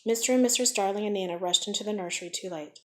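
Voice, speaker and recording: Woman reading a kids' book aloud, lively and expressive, mid-pitched voice. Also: fast. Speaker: audiobook reader. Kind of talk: storybook narration.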